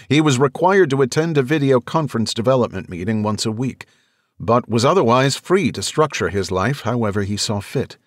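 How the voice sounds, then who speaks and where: A man reading an audiobook in scripted narration, with measured, even storytelling. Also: on the low side, no room sound, studio quality.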